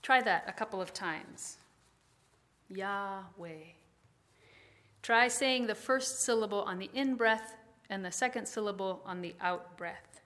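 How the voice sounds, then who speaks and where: A woman preaching a calm, measured sermon and guiding listeners through slow breathing exercises. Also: mid-range voice. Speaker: pastor.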